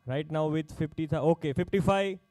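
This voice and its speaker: A man's voice: fairly high pitch, a little fast, a little mellow, no room sound. A man working as an auctioneer at a live sports player auction, calling out bids in short, repeated phrases.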